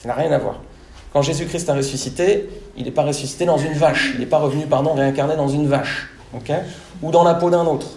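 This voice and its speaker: A man delivers a teaching sermon with a slightly high, warm, mellow voice. He explains point by point and keeps checking that his listeners follow. The sound is roomy, with a faint hiss behind him. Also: steady tone, fairly quick. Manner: didactic, repeats "d'accord?" to check understanding. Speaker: preacher. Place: church hall.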